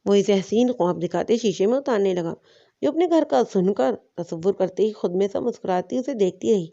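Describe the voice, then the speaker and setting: A woman narrating a romance novel in a steady, even reading voice. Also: mid-range voice. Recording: muffled lo-fi audio.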